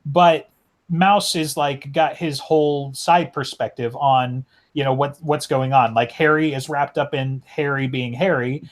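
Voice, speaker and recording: A man's voice: medium pitch, fairly even intonation, unhurried. A man in the middle of a casual podcast discussion about a book. He rambles, stops himself and restarts his sentences, filling gaps with plenty of "like" and "you know". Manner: rambling, many fillers and restarts. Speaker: podcast co-host.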